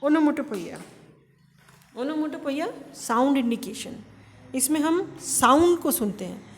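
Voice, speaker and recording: A woman lecturer with an Indian English accent walks her class through material step by step in Hindi and English, posing questions and then answering them herself. Her voice sits high and sing-song at a measured pace, captured in a large hall with slight background noise.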